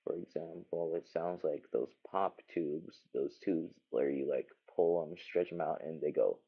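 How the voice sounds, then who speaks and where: A man speaks in a low voice thick with gravelly vocal fry. He rambles casually, as on a livestream, thinking aloud while he works. The sound is slightly muffled and dull. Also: measured pace. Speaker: livestreaming animator.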